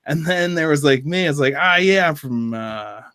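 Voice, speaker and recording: A man's voice: a little high, expressive, moderate pace, pushed and bright, clean tone, no echo, studio quality. A young man who laughs often, chatting casually with a streamer on a call. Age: young adult. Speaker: guest. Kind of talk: casual chat.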